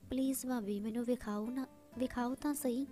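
A woman's voice: a little high, fairly even intonation, normal speed, mellow, faint music behind, close to an everyday voice. A woman reading the lines of a young college man in a story, in a pleading, earnest way.

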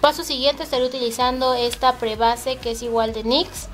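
A woman's voice: on the high side, flat delivery, moderate pace, soft background music. A woman with a Mexican accent hosting a makeup tutorial, talking chattily to her viewers step by step. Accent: Mexican Spanish. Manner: chatty, addresses viewers as girls.

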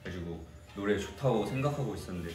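Young guy from jeolla, chatty livestream talk, lowish voice that bounces around a lot, roomy echo, far off mic, soft music behind. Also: animated, fast talker. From Jeolla region, Korea. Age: young adult. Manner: chatty, reads and answers fan comments. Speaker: idol singer hosting a fan livestream. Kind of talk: casual livestream chat. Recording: echoey room, distant mic.

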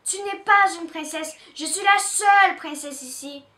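A sulky, quick-tempered little princess girl, read by a woman from a storybook. The voice is high and bright. It is recorded in an echoey room from a distance. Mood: raging. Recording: roomy echo, distant mic.

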